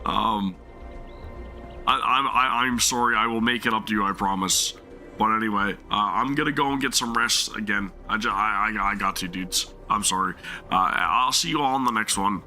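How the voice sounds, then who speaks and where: This man's voice sits on the low side, with a sharp tone and normal speed, and soft music plays behind him. He's streaming a game live and chatting casually, yet his sore throat keeps cutting out his voice, leaving him apologetic and rambling with many restarts.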